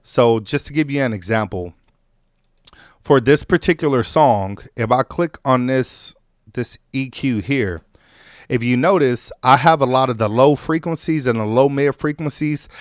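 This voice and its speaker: A man hosting a music production tutorial in a loose, conversational way, full of fillers and restarts, his voice still a little hoarse from an illness. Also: medium pitch, unhurried, dry recording, clean studio sound. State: recovering from illness, slightly hoarse. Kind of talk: casual on-screen tutorial.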